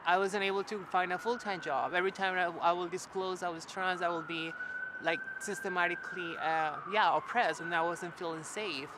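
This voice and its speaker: A woman's voice: lowish voice, fairly even intonation, normal speed. A young woman from Colombia, speaking in a documentary interview as a community worker, reflective and searching for words with many fillers. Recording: street noise behind voice.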